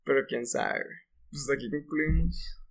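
A man's voice: fairly high pitch, moderate pace, creaky. A man with a northern Mexican accent, co-hosting a podcast in casual chat, with laid-back slangy banter. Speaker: podcast co-host.

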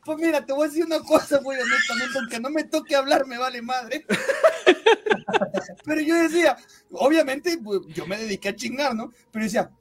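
A man's voice: very high-pitched, lively intonation, normal speed, noisy background. A man with a Mexican accent co-hosting a livestream, chatting casually, teasing and swearing freely while joking around. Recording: music playing behind.

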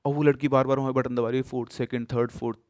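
A man casually telling a horror story, with emphatic bursts and sudden hushed drops. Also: mid-range voice, little pitch movement, racing, no room sound, studio quality.

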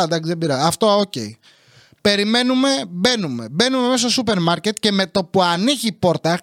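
A man's voice: high-pitched, a bit bright, no room sound, clean studio sound. A man hosting a podcast who tells a comic story in a casual, exasperated style, full of swearing. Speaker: podcast host.

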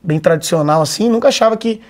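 A laid-back man from Vitória, Brazil, talks as a stand-up comedian guest in a relaxed podcast chat. His voice sits notably high, and his speech is loose, slangy and peppered with swearing. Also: fast. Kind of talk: casual podcast conversation.

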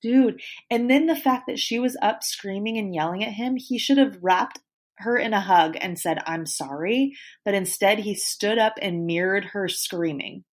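A woman's voice: medium pitch, moderate pace. A woman co-hosting a podcast, chatting casually and acting out quotes with animation. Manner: animated, acts out quotes from the show. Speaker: podcast co-host. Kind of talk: casual chat about a reality show.

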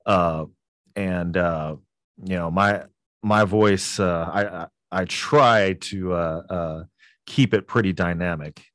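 A man speaking as a podcast guest in a casual interview, relaxed and rambling with many fillers. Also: low voice, slow pace, no echo, studio quality.

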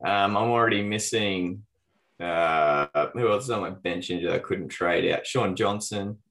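A man's voice: sits low, normal speed, a bit bright. An Australian man co-hosting a sports podcast in casual banter, with a laconic, slangy, blokey drawl. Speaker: podcast co-host.

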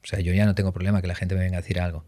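Animated man telling stories. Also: low-pitched, racing. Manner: animated storytelling, acts out quotes. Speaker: guest youtuber. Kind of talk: casual podcast chat.

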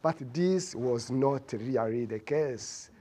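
A man from Rwanda with a Rwandan accent gives a church testimony, haltingly, searching for words and repeating phrases. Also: medium pitch, warm tone, slightly rough. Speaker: congregation member giving testimony.

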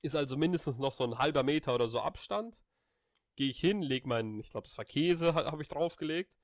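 A man chatting casually with a friend, telling an anecdote in an animated, blunt way full of slang. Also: on the high side, fairly quick, no room sound, studio quality.

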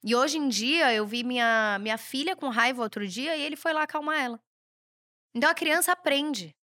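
In a high-pitched, sharp-toned voice, a Brazilian woman in her thirties runs a podcast monologue that is blunt, provocative and motivational, with casual swearing. Her accent is Brazilian Portuguese.

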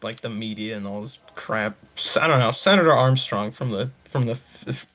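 A man's voice: medium pitch, fairly bright tone. A young man in casual chat with friends, rambling and often restarting his sentences.

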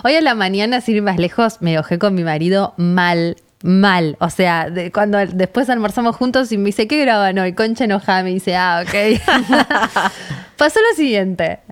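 Animated Argentine woman telling a story. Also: mid-range voice, normal speed. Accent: Argentine Spanish. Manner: animated storyteller, voice shoots up when reenacting a fight. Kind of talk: casual chat.

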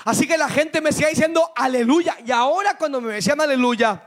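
A man's voice: very high-pitched, racing. A male pastor, preaching a fervent sermon full of rhetorical questions.

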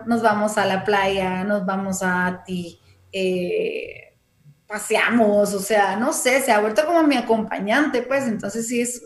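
A woman, chatting casually and acting out little scenes as she talks. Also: a little high. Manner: chatty, animated, acts out scenes. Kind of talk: casual chat about her dog. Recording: echoey room.

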